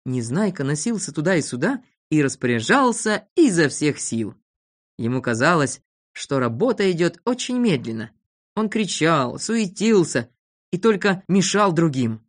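Expressive woman reading a children's story. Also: deep voice, normal speed. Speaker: narrator. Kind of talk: children's audiobook narration.

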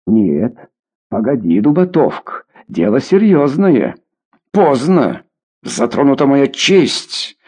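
A man's voice: medium pitch, sing-song, slow pace, darkish tone, breathy edge, exaggerated voice. A man reading an audiobook voices a drunk, sneering nobleman who is picking a duel, in a raised, jeering tone. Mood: hostile.

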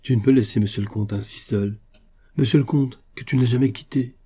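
A man reading the part of a devoted young nobleman, speaking earnestly and with feeling, in a dark, husky voice. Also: mid-range voice, brisk.

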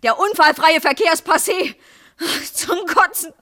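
An actress in her twenties playing a frustrated young wife and teacher in a 1970s radio play, sharp and sarcastic. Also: a little high, animated, fairly quick. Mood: bitter. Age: 20s.

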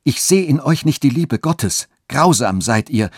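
A man's voice: medium pitch, lively intonation, unhurried, breathy edge, no room sound, pitched above the performer's own voice. Frail old peasant woman, lamenting, agitated, voiced by a male narrator, raised voice, dry close sound.

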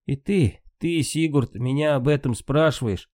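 A man's voice: mid-range voice, moderate pace, a little mellow, no room sound, studio quality, voice pushed up, natural voice. A man voicing a proud, grieving valkyrie queen in an audiobook, with a raised, impassioned delivery. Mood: reproachful.

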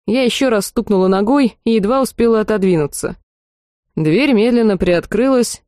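A woman's voice: fairly high pitch, dark tone, dry recording, studio quality. Woman narrating a wry fantasy audiobook.

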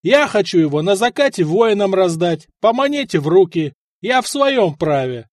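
A man's voice: high voice, big pitch swings, moderate pace, no echo, studio quality, voice pushed up. A man voicing a shrewd, defiant warrior commander holding a besieged town, in a storybook reading. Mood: defiant shouting. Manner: defiant, mocking when shouting. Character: shrewd defiant male warrior commander, cool under siege.

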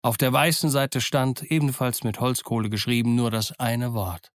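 A man reading a classic adventure novel aloud as a steady first-person narrator. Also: medium pitch, moderate pace, no room sound, studio quality. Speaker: audiobook narrator. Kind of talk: scripted narration.

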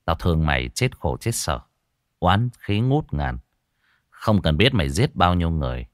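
A man playing a cocky, rough young exorcist. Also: sits low, sing-song, dry recording, clean studio sound, pitched below the performer's own voice. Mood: stern. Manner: taunting, gruff, fast.

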